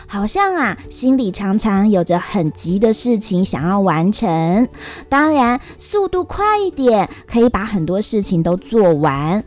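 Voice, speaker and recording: A woman's voice: mid-range voice, big pitch swings, unhurried. Sing-song woman telling a children's story. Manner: warm, sing-song, speaking directly to children.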